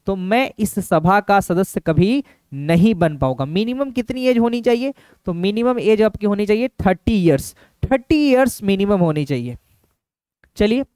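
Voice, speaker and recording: A man teaching an exam-prep video lesson, repeating each point and asking viewers quick rhetorical questions. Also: sits high, a little mellow, clear, resonant tone, no echo, studio quality. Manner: calls viewers friends.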